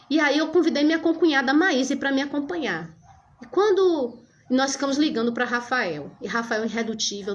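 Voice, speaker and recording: A woman giving a fervent religious testimony, speaking straight to her listeners. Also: fairly high pitch. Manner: fervent, addresses listeners as brothers and dear ones.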